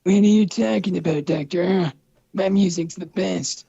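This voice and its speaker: Give me a boastful man on a muffled call line, his voice warped by a voice changer into a high, dark rasp. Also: moderate pace, a little hiss or hum. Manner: boastful, defiant. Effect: voice changer, altered pitch. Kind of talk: mocking call-in banter.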